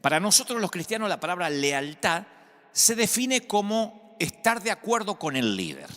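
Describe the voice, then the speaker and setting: A man's voice: high voice, very animated, moderate pace, fairly bright tone. A man with an Argentine accent, a pastor preaching a sermon with conversational storytelling and humor. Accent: Argentine Spanish. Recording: echoey hall sound.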